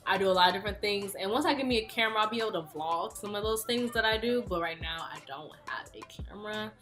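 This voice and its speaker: This woman speaks fast in a mid-range voice while music plays behind her. An early-twenties YouTuber from Houston, Texas, she runs a casual, playful Q&A vlog and laughs often.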